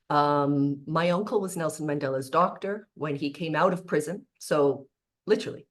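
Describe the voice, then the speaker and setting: A woman, giving an informal, earnest talk on leadership with chatty asides. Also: sits low. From Canada (born in South Africa). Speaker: leadership speaker.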